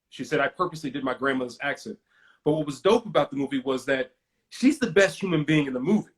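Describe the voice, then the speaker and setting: Man, casual host, slightly high voice, loose rambling speech, heard over a video call. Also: fairly bright tone. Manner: loose and rambling, many fillers and restarts; reads out viewer comments. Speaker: host of a live video chat. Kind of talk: casual conversation.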